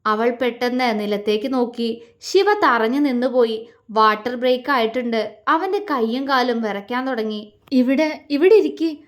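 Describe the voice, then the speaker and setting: A woman narrates a romance story in a soft, even storytelling manner. Her voice is high-pitched. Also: moderate pace.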